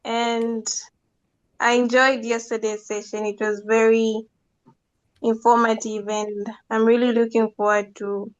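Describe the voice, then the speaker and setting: A woman from Zambia introduces herself over dull, lo-fi call audio. Her voice is smooth and fairly high, and she speaks slowly with little change in pitch. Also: little pitch movement. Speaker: class participant. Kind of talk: self-introduction on a video call. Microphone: video call.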